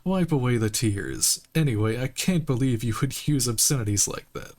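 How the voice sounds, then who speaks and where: A man's voice: medium pitch, animated, normal speed, a little mellow. A man streaming a game playthrough, reading the dialogue aloud in a playful, laughing, mock-indignant way.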